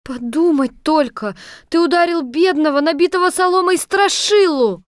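A brave little girl, played by a woman, high and bright as she scolds in righteous anger. The storybook delivery is close and dry, with no room around it. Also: normal speed, dry recording. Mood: indignant. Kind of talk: dramatized audiobook reading.

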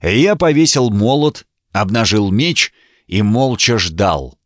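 A man's voice: on the low side, expressive, takes it slowly, no room sound, studio quality. A man narrating a fantasy novel aloud with a wry, ironic delivery, voicing the hero's lines in his own voice. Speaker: audiobook narrator.

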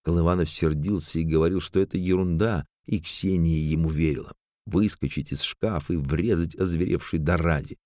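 A man's voice: sits low, steady tone, normal speed, a little mellow, no echo. A man narrating an audiobook on a close studio mic.

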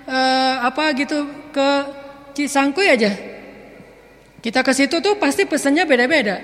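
Joking preacher in an echoey mosque hall. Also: male voice, very high voice. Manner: relaxed, joking, acts out little quoted scenes. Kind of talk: sermon.

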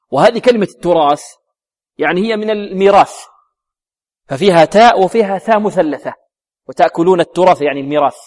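A man teaching the rules of Quran recitation in a slightly high voice. He puts questions to his students and answers them himself. He recites each example slowly, repeating words to show how they sound. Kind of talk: tajweed lesson.

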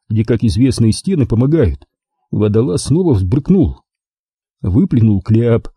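Husky, dark-voiced male audiobook narrator. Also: medium pitch, dry recording, studio quality. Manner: wry, ironic storytelling. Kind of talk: first-person audiobook narration.

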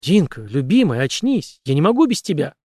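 Male reader as a worried good-natured young guy, urgent and rough-spoken, higher pitch. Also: very animated, brisk, mellow, no room sound, clean studio sound. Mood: pleading. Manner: urgent, pleading, rough colloquial. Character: big kind-hearted young man, anxious.

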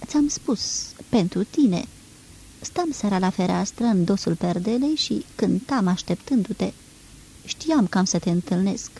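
A woman reading an audiobook, voicing a tender, fearful young woman in love with a soft, pleading manner. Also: medium pitch, lively intonation, husky, poor audio.

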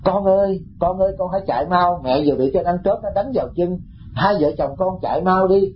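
A man's voice: high voice, fast, muffled recording, soft background music, voice pushed up, lightly acted. A monk putting on a frantic blind old mother. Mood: frantic pleading.

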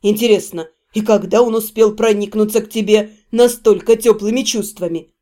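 A woman voicing a calm, ironic young male necromancer in a storybook reading, speaking softly and with mockery. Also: mid-range voice, moderate pace, voice pushed down, lightly acted. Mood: sly. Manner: soft, mocking.

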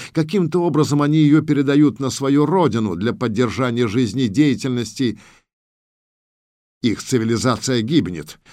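A man reading the lines of an old man fused with a monster, in a calm, explaining way. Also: medium pitch, dry recording, clean studio sound, close to an everyday voice.

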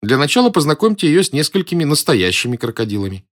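A calm young woman with a teasing, unbothered manner, as a male reader puts her on in an audiobook. The voice sits well above his own, lifted and pushed a little louder. She stays cool and mocking with every reply. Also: on the high side, quick pace, voice pushed up. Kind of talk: audiobook character voice.

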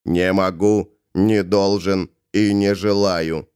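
A man voicing a resolute male inquisitor who speaks calmly, measured and firm. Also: on the low side, smooth, dry recording, studio quality, voice pushed down. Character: cold, resolute male inquisitor, calm and unyielding. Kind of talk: audiobook character voice.

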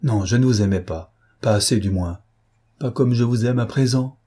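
A man reading an audiobook and voicing a calm young suitor who speaks gently and teases a little. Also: mid-range voice, moderate pace, slightly rough, natural voice. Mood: tender teasing. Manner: gentle, quietly teasing.

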